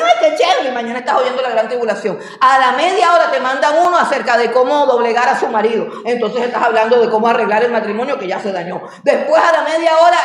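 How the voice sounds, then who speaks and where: Woman, Bible class teacher, lively, laughing asides, fairly high voice, heavy room echo. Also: far from the mic. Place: church classroom. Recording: very echoey room.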